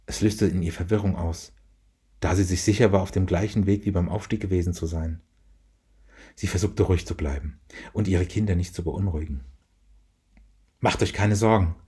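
A man narrating a children's story in a calm, even reading manner. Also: low voice, fairly quick, slightly rough.

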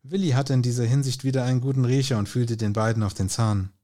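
A man narrating a crime story in an even, storytelling manner. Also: medium pitch, fast. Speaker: audiobook narrator. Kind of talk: scripted narration.

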